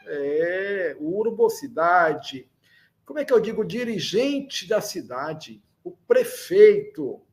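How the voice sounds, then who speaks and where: Man, brazilian portuguese accent, language teacher, high voice, slow careful pace, repeats words for learners. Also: very animated. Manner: spells out letters and repeats words for learners to echo. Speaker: Esperanto teacher. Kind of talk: slow, deliberate classroom explanation.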